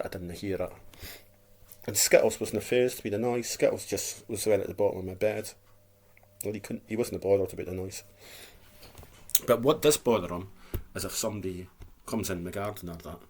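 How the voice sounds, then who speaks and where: Deep and mellow, the voice is that of a Scottish vlogger in his fifties with a Dundee accent. A speech impediment makes his r sound like w, and he talks casually and plainly in a rambling, repetitive manner.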